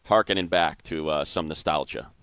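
Older guy w/ the hiccups, real deep voice, excitable football talk, lots of restarts, dry close mic. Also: normal speed, clean tone, no room sound. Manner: excitable, repeats numbers for emphasis, stammers into restarts. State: has the hiccups. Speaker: sports podcast co-host. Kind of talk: casual sports analysis chat.

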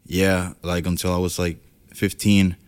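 A fairly low-pitched man in his thirties with a Puerto Rican accent speaks as an interview guest. He talks casually and frankly, slips English words in and restarts his sentences. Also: level tone, slow pace, clear, resonant tone. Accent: Puerto Rican Spanish. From Puerto Rico. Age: 30s. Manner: mixes English words, many restarts and fillers. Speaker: guest entrepreneur.

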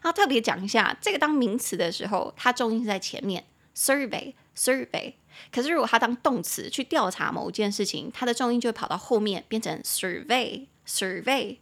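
A young woman hosting an English-teaching podcast, chatting casually, laughing often and slowing down to spell words out letter by letter. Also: fairly high pitch, animated, fairly bright tone, husky.

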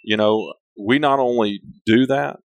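A company leader appears as an interview guest, talking candidly in a casual chat. His voice is medium-pitched and measured in pace, recorded dry, and his big voice and big personality come through as he rambles and keeps restarting sentences.

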